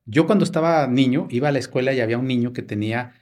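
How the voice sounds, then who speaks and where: A man's voice: medium pitch, racing, darkish tone. A Mexican man in his fifties, a podcast guest telling family stories in casual conversation and acting out old dialogues. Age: 50s. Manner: storytelling, reenacts family dialogue. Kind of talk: casual interview chat.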